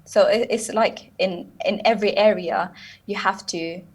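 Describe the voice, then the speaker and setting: A woman's voice: medium pitch, measured pace, slightly rough. A woman from Bangladesh, a guest on a TV talk show, speaking thoughtfully and steadily over a video call. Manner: thoughtful, steady, uses Islamic phrases.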